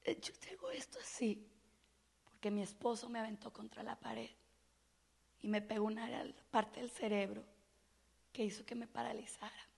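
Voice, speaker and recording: A woman voicing a hurt, weary woman in a quiet near-whisper. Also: a little high, lively intonation, moderate pace, creaky, pauses often, breathy edge, heavily acted. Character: soft-spoken hurt woman, paralyzed, weary.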